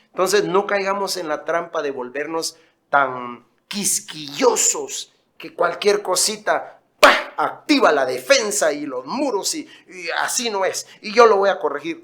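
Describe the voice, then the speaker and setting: A middle-aged man preaching a sermon as a pastor, emphatic and storytelling, with lively asides. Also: a little high.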